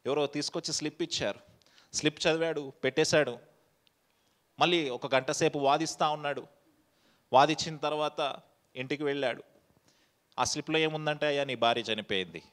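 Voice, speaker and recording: A male pastor preaching to his congregation in a fairly high voice, stacking rhetorical questions one after another. He slips English phrases into the sermon and leads the room through scripture readings. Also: fairly bright tone.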